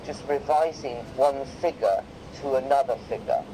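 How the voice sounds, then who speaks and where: A man with a medium-pitched voice speaks as an English tutor in a casual one-to-one session. He explains in a tentative way that softens corrections. Noticeable ambient noise sits behind his voice. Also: moderate pace. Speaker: English teacher correcting writing.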